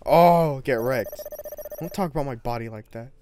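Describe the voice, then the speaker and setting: A man's voice: lowish voice, a little slow, over music, close to an everyday voice. A man reading a sulky teenage girl. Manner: sulky, defensive.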